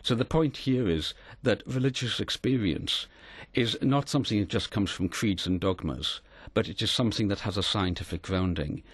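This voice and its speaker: A middle-aged man from Scotland, telling a personal story in an earnest, measured way as an interview guest. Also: fairly low pitch, slightly rough, no echo.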